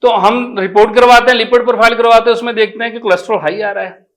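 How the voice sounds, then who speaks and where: A middle-aged man, an Ayurvedic doctor explaining health advice in an animated, explanatory way. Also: very high voice, fast. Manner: animated, explanatory, with homely personification.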